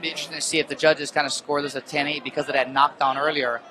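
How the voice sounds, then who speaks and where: A man's voice: fairly high pitch, level tone, fast talker. A man working as color commentator, giving conversational analysis of a live fight. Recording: loud crowd and arena noise behind. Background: loud fight crowd.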